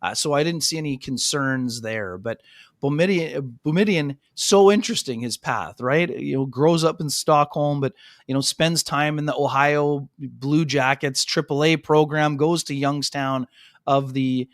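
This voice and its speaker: In a radio studio with no echo, a man with a slightly high voice and measured pace co-hosts a hockey show. His casual sports talk is sprinkled with "you know," and he calls his co-hosts "fellas."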